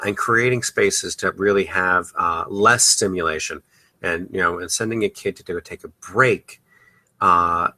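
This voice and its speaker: A man talks through parenting advice on his podcast, his voice pitched a little low but very bright and forward. He speaks casually, with a steady stream of "uh" and "you know" fillers. The sound is close and dry. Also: dry recording. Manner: loose and conversational, many "uh" and "you know" fillers. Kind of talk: advice talk.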